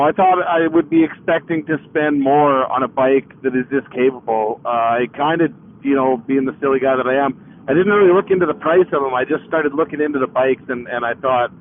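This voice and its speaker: A man chatting casually and ramblingly as a motovlogger, talking from inside his motorcycle helmet while riding. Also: medium pitch. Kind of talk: casual, rambling vlog talk. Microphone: helmet mic. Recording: muffled, phone-like helmet mic with noise.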